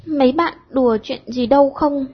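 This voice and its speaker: A woman voicing a shy, flustered teenage boy who writes poems, hesitant and bashful, with a husky tone. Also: high-pitched, moderate pace, dull audio, close to an everyday voice.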